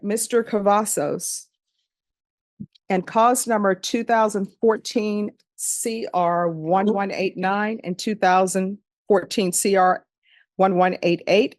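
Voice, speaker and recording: A woman judge in a courtroom recording, formally reading case numbers and charges in a measured, procedural way. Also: medium pitch, darkish tone, dry recording. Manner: measured, procedural, repeats formulaic questions.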